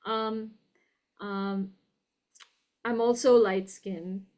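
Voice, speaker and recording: A woman with an educated upper-class Indian English accent, speaking reflectively and articulately in an interview, deliberate and emphatic, often checking in with "right?". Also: medium pitch, steady tone, darkish tone. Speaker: guest, university professor.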